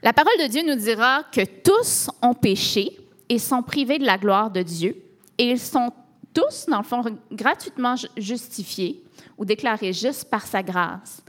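A woman's voice: on the high side, expressive, unhurried. A woman from Canada with a Québécois French accent, a pastor preaching a sermon in a conversational way, with rhetorical questions and tags like "hein".

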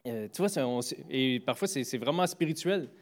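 A man's voice: mid-range voice, fairly quick. A man casually telling anecdotes about greetings and politeness, full of fillers and restarts, lifting his voice for quoted phrases. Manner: hesitant, many fillers and restarts; animated, voice jumps for quoted phrases. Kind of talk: casual storytelling chat.

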